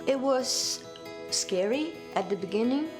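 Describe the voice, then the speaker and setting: A woman from Guatemala, a longtime public housing resident, speaking haltingly in a documentary interview. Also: a little high, expressive, music in the background. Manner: halting, with fillers.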